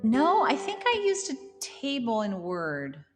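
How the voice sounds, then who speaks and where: A woman's voice: on the high side, huge pitch swings, a little slow, big-room sound, loud music behind the voice. A woman singer-songwriter chatting casually with livestream viewers, rambling and amused at herself. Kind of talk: casual chat with live viewers.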